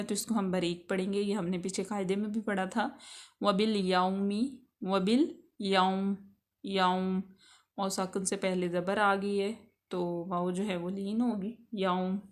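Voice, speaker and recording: A woman teaching Quran recitation rules in a patient, measured way, repeating words to demonstrate them. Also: mid-range voice. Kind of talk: tajweed lesson, explaining then reciting.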